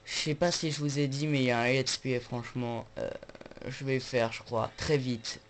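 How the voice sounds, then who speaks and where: A young man giving casual, joking let's play commentary, excitable and rambling, full of slang and fillers. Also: mid-range voice, normal speed, slight background noise. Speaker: gaming YouTuber.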